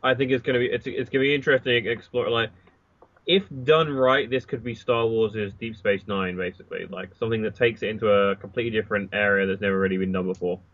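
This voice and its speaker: Male podcast co-host, lowish voice, hesitant, lots of fillers, dry dull recording. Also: steady tone, fast talker. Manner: hesitant, lots of ums and likes. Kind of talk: casual chat.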